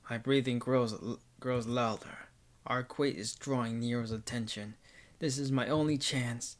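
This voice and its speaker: Slow, halting male narrator. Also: medium pitch, fairly even intonation. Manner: halting, with stumbles and whispered passages. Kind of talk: first-person narration reading a visual novel aloud.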